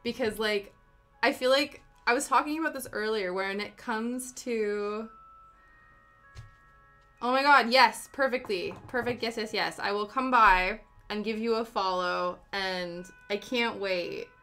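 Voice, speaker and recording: A young woman originally from Canada, now living in the UK, talks casually with stream viewers at home and answers chat with giggles, faint music in the background. Her voice is on the high side and sharp, and she speaks a little slowly.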